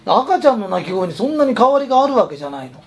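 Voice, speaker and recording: A man's voice: high-pitched, big pitch swings, very fast, slightly rough. A man who runs a company, giving a chatty, emphatic motivational talk. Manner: chatty, emphatic, persuasive storytelling. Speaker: company president.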